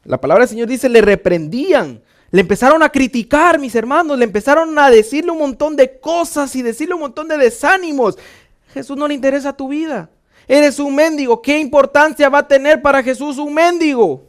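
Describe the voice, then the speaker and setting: A male pastor preaching a sermon in a church, swinging from loud calls to hushed, slow emphasis. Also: extremely high pitch, expressive. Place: church sanctuary.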